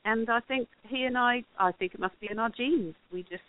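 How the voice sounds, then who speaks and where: A woman's voice: a little high, a little fast, dry recording. A woman from England, a documentary grant writer talking as a guest in a casual interview, thoughtful and rambling with many fillers. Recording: dry tinny phone line.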